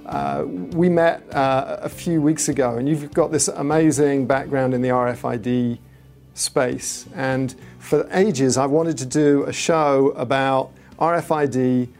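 Gravelly-voiced man hosting a podcast. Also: mid-range voice, steady tone, unhurried, a little mellow, soft background music. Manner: enthusiastic, hesitant, with fillers. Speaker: podcast host. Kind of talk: casual interview chat.

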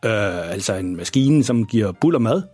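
A man's voice: on the low side, expressive, darkish tone, husky, no echo, soft background music. A man voicing a clumsy, overconfident father in a children's audio story, hesitant and full of fillers. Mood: flustered. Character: clumsy, overconfident bumbling dad.

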